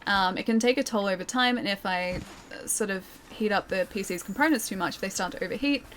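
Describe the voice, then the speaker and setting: Her voice is mid-range and fairly bright, moving at a quick pace, with a little hiss or hum in the recording. She's a woman livestreaming a game, chatting casually with viewers while articulating a bit carefully around her retainer trays. Music plays behind her.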